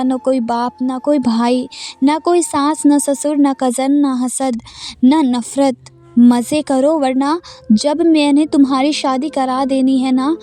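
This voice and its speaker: A woman voicing an educated, gently teasing middle-aged mother who gives soft, indulgent advice. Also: high-pitched, natural voice.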